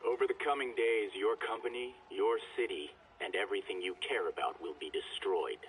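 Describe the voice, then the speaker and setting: Very deep, menacing male villain played by an actor. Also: slight background noise, natural voice, rough recording. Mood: cold menace. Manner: slow, deliberate, cold. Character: menacing male villain making threats over a phone. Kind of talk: video game voice acting.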